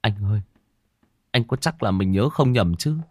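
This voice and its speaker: A man's voice: on the low side, expressive, normal speed, a little mellow, breathy edge, dry recording. A man voicing a frightened younger brother who is crying and pleading in panic. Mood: exhausted, whimpering.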